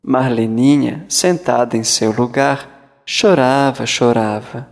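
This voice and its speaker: A man reading a fairy tale aloud in a slow, measured way. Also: medium pitch, fairly even intonation, gravelly, big-room sound. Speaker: storyteller.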